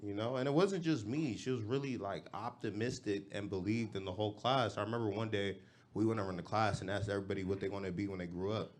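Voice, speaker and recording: A young man from Los Angeles performing a stand-up comedy set on a club stage, talking in a casual, slangy, deadpan way. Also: lowish voice, fast talker.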